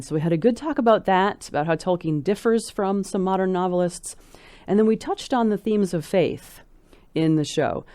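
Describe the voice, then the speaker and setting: Appearing as a scholarly interview guest, a woman with a deep, dark-toned voice speaks in an articulate, precise manner. She phrases her thoughts in a measured, thoughtful way, and the recording has no echo.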